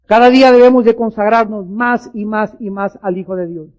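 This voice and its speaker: A woman's voice: medium pitch, moderate pace. A woman preaching a sermon, emphatic and repeating words for stress. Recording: dull lo-fi archive recording.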